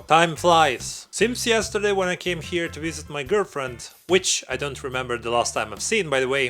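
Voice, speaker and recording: A young man from Croatia, talking casually to camera in a vlog, excitable and emphatic, swearing freely. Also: on the high side. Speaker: vlogger and metal musician.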